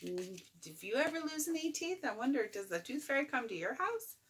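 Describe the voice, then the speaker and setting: An older woman, a grandmother, reading a bedtime story aloud in an expressive, playful way, as if to a child. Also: high-pitched, fairly quick. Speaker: grandmother reading a picture book. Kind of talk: bedtime story read-aloud with chatty asides.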